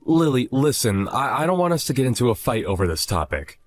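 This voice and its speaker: A man's voice: mid-range voice, very animated, brisk, close to an everyday voice. A man voicing Justin, a young husband who argues defensively and indignantly in a dramatized chat story.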